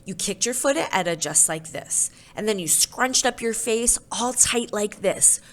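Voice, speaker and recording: Gentle storybook teacher, as a woman reads her. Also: medium pitch, measured pace, voice pushed up, lightly acted. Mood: soothing. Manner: gentle, calm. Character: kind, soothing female teacher in a children's story. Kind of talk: storybook read-aloud.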